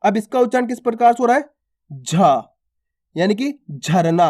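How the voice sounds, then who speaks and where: A man's voice: extremely high pitch, expressive, fast talker, warm tone. A man teaching how to read the alphabet, drawing out each letter sound and then giving example words, often checking whether his listeners follow. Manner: addresses listeners as friends and asks if they follow. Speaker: Hindi reading teacher. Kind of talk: alphabet lesson.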